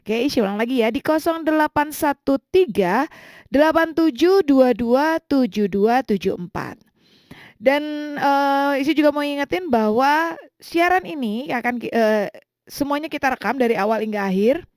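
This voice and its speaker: Woman, radio host, chatty talk-show manner, fairly high voice, dry close sound. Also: expressive, normal speed, darkish tone, no echo. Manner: chatty, friendly, with frequent fillers. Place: radio studio.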